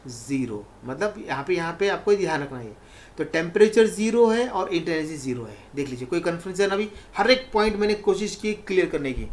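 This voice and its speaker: Man teaching a reassuring exam-prep lecture. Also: high-pitched. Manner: repeats points, keeps checking if students follow; reads definitions out slowly, word by word. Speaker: chemistry teacher.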